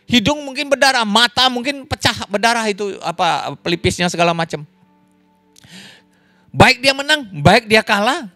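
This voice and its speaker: A man preaching a lively sermon as pastor, in an online church service, joking and laughing with the congregation. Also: dry recording, studio quality. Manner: animated, wide pitch swings, jokes and laughs.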